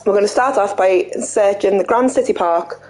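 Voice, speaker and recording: A woman's voice: mid-range voice, normal speed, darkish tone, slight background noise, poor audio. A woman casually chatting while playing a detective game, reading game text aloud. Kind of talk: casual gameplay chat.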